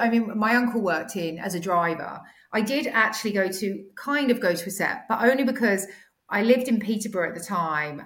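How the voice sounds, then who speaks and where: A woman in her forties with a slightly croaky, sore-throated voice, chatting casually and a little hesitantly as a podcast guest. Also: medium pitch, fairly bright tone. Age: 40s. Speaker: podcast guest, finance executive. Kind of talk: casual interview chat. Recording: echoey home recording.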